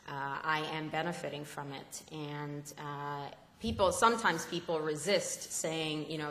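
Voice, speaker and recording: A woman addresses an assembly in a fervent, halting public speech, with plenty of ums and uhs. Her voice sits deep for a woman. The sound is roomy, with a long hall reverb trailing her words. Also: fairly bright tone, slight background noise. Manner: impassioned, halting with many fillers. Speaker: speaker at a political assembly.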